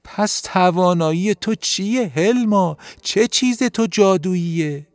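A man voicing an eager, impatient young snail who gets excited and quickly frustrated. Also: medium pitch, dry recording, faint music behind, pitched above the performer's own voice, lightly acted. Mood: annoyed. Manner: excitable, quick to get cross.

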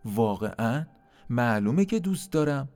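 A man's voice: medium pitch, sing-song, faint music behind. A man voicing an upset little orange fruit in a storybook tale, whiny and stubborn. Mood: delighted. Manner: whiny and insistent.

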